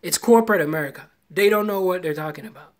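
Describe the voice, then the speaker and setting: A man's voice: high-pitched, fast. A young man with a Jamaican accent, casually telling a rambling personal story on a live video and retelling past conversations. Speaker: vlogger.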